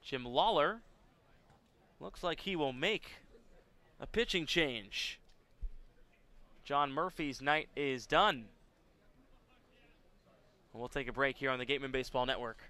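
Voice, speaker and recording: Bright, clear male baseball play-by-play announcer. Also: medium pitch, slow pace, pauses often. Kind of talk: live sports commentary.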